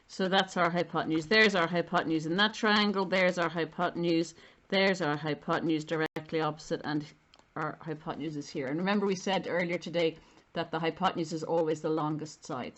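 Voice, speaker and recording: Lower-pitched Irish woman teaching maths. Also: a little fast, fairly bright tone. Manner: explanatory, self-deprecating, stressing key terms. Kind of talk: informal spoken maths lesson.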